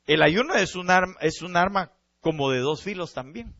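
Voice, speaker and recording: Lively, animated preacher man. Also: high-pitched, normal speed, vocal fry, no room sound, lo-fi sound. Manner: animated preaching, often addressing listeners as brother. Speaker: pastor. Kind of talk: sermon.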